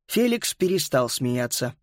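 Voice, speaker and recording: Male audiobook narrator, lively, dry sound. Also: medium pitch, unhurried, no echo. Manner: lively storytelling, voicing each child. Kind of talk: audiobook narration of a children's story.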